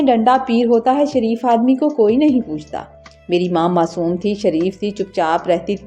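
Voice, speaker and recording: Woman reading an emotional story, mellow warm voice, quiet music underneath. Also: fairly high pitch. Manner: emotional, earnest. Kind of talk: scripted first-person narration.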